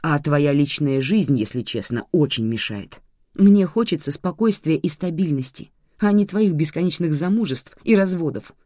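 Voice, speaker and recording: A reader plays a resentful young woman setting hard limits with her mother. Her tone is firm and reproachful, with a lively, swinging pitch. The recording is dry and close. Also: normal speed, dry recording.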